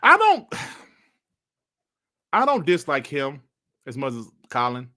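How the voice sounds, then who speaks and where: A man in his forties with a bright, forceful voice and a slightly raised pitch, talking loosely on a livestream. He laughs often and throws slang into his banter, and the sound is dry with little room echo. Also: huge pitch swings, takes it slowly. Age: 40s. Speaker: streamer reading live chat. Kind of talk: casual livestream chat.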